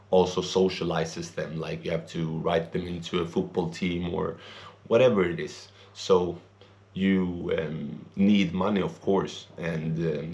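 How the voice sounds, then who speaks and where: A man's voice: low voice, darkish tone. A young man, an English speaker born and raised in Sweden, giving an earnest, rambling opinion monologue for his vlog. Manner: earnest, rambling, non-native grammar. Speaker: vlogger.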